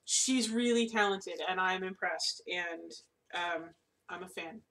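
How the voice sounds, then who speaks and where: A woman's voice: fairly low pitch, slow pace, fairly bright tone, distant mic. A woman vlogging casually about her craft supplies, rambling with lots of fillers and restarts, hiccuping now and then. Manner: chatty, many fillers and restarts. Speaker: cross-stitch vlogger. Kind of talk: casual rambling show-and-tell.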